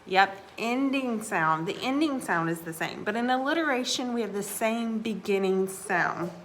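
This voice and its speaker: A woman teaching a recorded lesson to young children, patient and encouraging, sounding out words slowly for them to follow. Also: medium pitch, expressive, a bit bright, slight background noise. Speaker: second grade teacher. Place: indoors, hanging out away from classroom.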